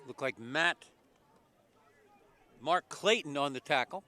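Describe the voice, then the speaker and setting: Bright-voiced male football play-by-play caller. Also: fairly high pitch, slow pace. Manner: energetic, stat-heavy play calling. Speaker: play-by-play commentator. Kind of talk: live football commentary.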